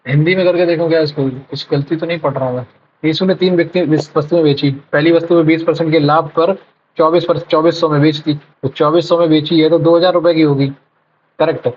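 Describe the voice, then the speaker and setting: This exam prep tutor talks fairly quickly in a slightly high, darkish voice with fairly even intonation as he solves a live mock test. Reasoning out loud through math problems, he mumbles figures, fixes his own mistakes, and mixes in English terms. The audio is dull and lo-fi, with slight background noise.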